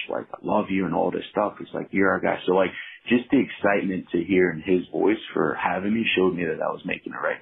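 A man's voice: deep voice, gravelly, breathy edge. A man being interviewed as a new head coach, talking earnestly in a rambling way with many restarts. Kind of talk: casual interview talk. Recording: tinny phone-line audio.

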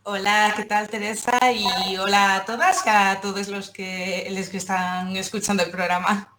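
As a guest on a podcast, a woman from Seville in Spain who works as a comic artist tells personal stories in a casual chat, giggling and laughing frequently. Her mid-range voice holds a level tone at normal speed. Background noise is present.

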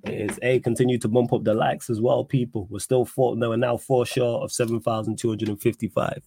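Here the London roadman host of a laid-back football fan stream speaks at a medium pitch with little melodic movement, a touch quickly, in a dark tone. He uses urban slang, repeats points to drive them home, and there's slight background noise.

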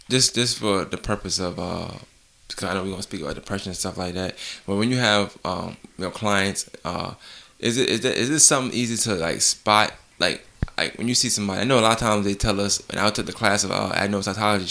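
Young man, interview host, rapid delivery, bright forceful tone. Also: lowish voice, gravelly. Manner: quick, animated, conversational. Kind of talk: casual interview conversation.

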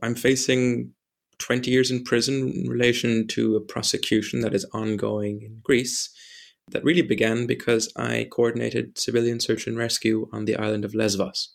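A man in his late twenties from Ireland, answering interview questions in a measured, articulate way with small restarts. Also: mid-range voice, level tone, creaky. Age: 20s. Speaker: interview guest.

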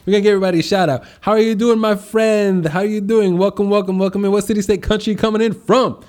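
A man with a high-sitting voice talks quickly and with fairly even intonation while hosting a casual live stream. A podcast host and public speaker, he greets viewers and gives shout-outs in an upbeat, exuberant, slangy, conversational way.

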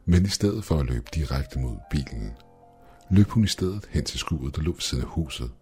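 A man narrating a first-person horror story in a measured, steady way. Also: very deep voice. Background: faint background music.

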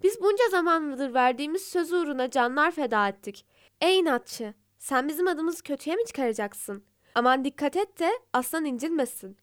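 A woman's voice: high voice, expressive, normal speed, pitched above the performer's own voice. A woman voicing a frightened group of meadow animals in a storybook fable. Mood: scolding. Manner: scolding, anxious.

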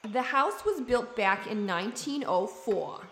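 A folksy estate agent, played by a woman, shows off an old house in slow, homespun sales talk. Her voice carries a roomy echo. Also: a little high, lively intonation, a bit bright. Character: chatty, folksy older female estate agent.

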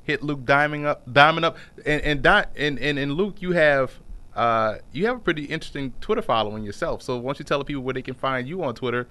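A man's voice: medium pitch, quick pace, sharp tone. A young man co-hosting a casual sports show in a studio, chatty and storytelling, often restarting his words. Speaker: podcast co-host. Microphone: studio mic on camera.

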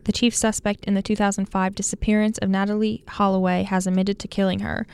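A woman anchors a student radio newscast, reading each story in a level, flat tone. Her voice is smooth and clear, and she keeps an unhurried, even delivery throughout. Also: medium pitch, dry recording. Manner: steady, even news reading. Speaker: news anchor.

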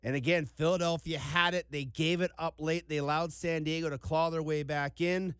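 Male sports show host, slightly high voice, conversational recap, close dry sound. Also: fairly even intonation, moderate pace, a bit bright, clean tone, no echo.

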